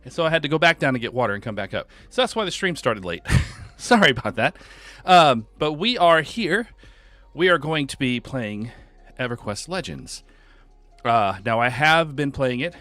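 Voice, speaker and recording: A man's voice: medium pitch, sing-song, moderate pace, pushed and bright, dry recording. Chatty male streamer greeting his chat. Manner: chatty, greets viewers by name. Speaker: game streamer. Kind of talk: casual live-stream chat. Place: home.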